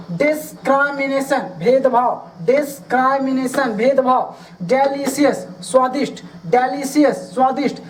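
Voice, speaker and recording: A high-pitched woman drills English words at an unhurried pace. She spells each one out letter by letter, repeats it several times and coaxes the listener to say it aloud with her. Her voice sits a little away from the mic, with a faint hiss behind it. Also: recorded from a distance, low-quality recording. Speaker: English teacher. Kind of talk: spelling and vocabulary drill lesson.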